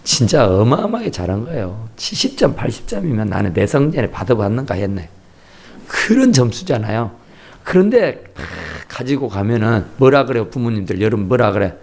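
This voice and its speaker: Gravelly, husky preacher. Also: male voice, medium pitch, fairly quick. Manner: animated storytelling with acted-out voices. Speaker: pastor. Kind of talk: sermon. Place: church sanctuary.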